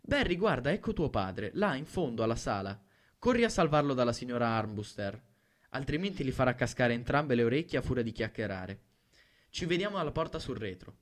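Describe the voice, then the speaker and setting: A man voicing a bright, cheerful young mother who gushes and chatters. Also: medium pitch, very animated, brisk, natural voice. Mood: bubbly. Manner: gushing, effusive.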